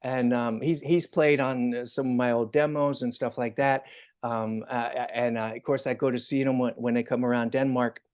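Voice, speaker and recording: Guy hosting a chat interview, keeps restarting sentences, average pitch. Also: fairly even intonation, moderate pace, a little mellow, clear, resonant tone, highs cut off. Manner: rambling, restarting sentences, many fillers. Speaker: interview host. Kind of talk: casual interview.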